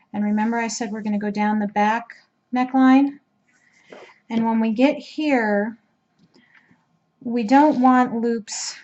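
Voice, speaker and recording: A woman giving a step-by-step crochet tutorial, talking slowly as she works and adding self-deprecating asides. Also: fairly high pitch, warm tone, dull audio. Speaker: crochet instructor.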